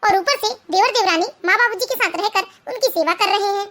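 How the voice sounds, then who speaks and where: A woman's voice: extremely high pitch, fairly quick, sharp tone, a little hiss or hum. Woman voicing a bossy, scornful elder sister-in-law in a cartoon. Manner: scolding, bossy. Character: sharp-tongued selfish elder daughter-in-law. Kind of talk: animated cartoon voice acting.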